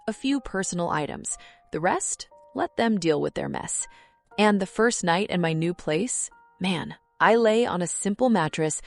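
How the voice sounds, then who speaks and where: Calm low-voiced woman narrating. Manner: calm, measured, reflective delivery in short clipped phrases. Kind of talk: scripted first-person story narration. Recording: faint background music.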